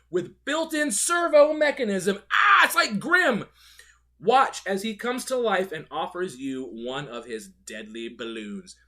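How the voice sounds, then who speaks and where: A man hosting a video show, giving gushing, excitable product commentary. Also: high-pitched. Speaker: host of a Halloween animatronic video show. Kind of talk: enthusiastic product commentary with read-out descriptions.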